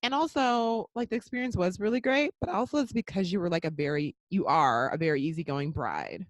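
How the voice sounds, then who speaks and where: A woman's voice: lowish voice, lively intonation, a little fast, dry recording. A woman co-hosting a casual podcast, talking with enthusiasm and straight to the listeners. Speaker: podcast co-host. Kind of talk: casual chat.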